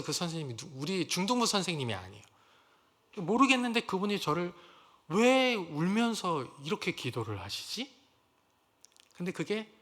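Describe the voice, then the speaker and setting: A man's voice: medium pitch, fairly bright tone. A middle-aged man preaching a sermon as pastor, telling stories earnestly and sometimes acting out quoted lines. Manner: storytelling, earnest, acts out quoted lines with rising emotion. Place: large church sanctuary. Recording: long reverb of a church hall.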